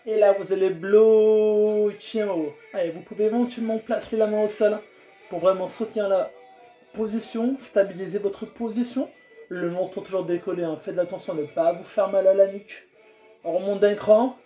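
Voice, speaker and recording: A man's voice: high-pitched, fairly even intonation, moderate pace, warm tone. A man coaching a home workout, counting down reps and urging the listener on. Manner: encouraging, counts down reps, coaxing. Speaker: fitness coach. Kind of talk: guided home workout instruction. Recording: roomy with faint music.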